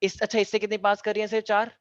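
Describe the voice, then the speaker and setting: A man's voice: high-pitched, completely flat delivery, very fast, no room sound. A man teaching physics to a class, teasing and speaking straight to the students, with English phrases mixed into his lecture. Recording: dull lo-fi classroom recording.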